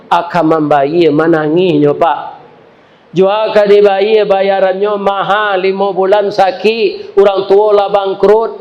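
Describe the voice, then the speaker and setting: A Minangkabau-accented man preaching a sermon, telling a story and joking with the congregation in a lively way. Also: high-pitched, dull audio.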